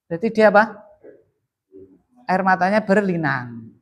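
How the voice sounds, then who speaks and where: Male teacher, classroom lesson, animated emphasis, asks students questions. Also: high voice, a little slow. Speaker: teacher of Arabic grammar. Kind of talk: classroom lesson with call and response.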